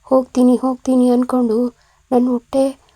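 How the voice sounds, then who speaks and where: A woman's voice: high-pitched, completely flat delivery, normal speed, dark tone, no echo. Woman reading as a tearful scolding mother. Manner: emotional, scolding. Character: tearful, doting middle-aged mother.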